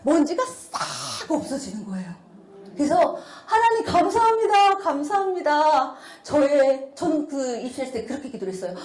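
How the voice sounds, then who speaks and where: A middle-aged woman delivers a church testimony with a high, swooping voice. She talks in an animated way, exclaiming and laughing often. The sound carries a roomy echo. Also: normal speed. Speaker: church speaker giving testimony. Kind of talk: testimony sermon.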